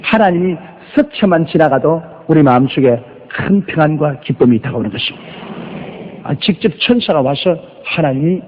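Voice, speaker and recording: An older man preaching a sermon as a pastor, telling stories with rhetorical questions and drawn-out emphasis. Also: fairly high pitch, animated. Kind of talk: sermon, Bible exposition. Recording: lo-fi recording with long reverb.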